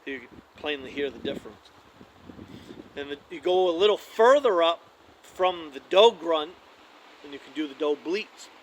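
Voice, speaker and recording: Relaxed man explaining deer calls. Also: on the high side, normal speed, pauses often, a little hiss or hum, rough recording. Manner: relaxed, conversational, with frequent "like" and restarts. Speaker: hunting call demonstrator. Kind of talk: casual how-to demonstration.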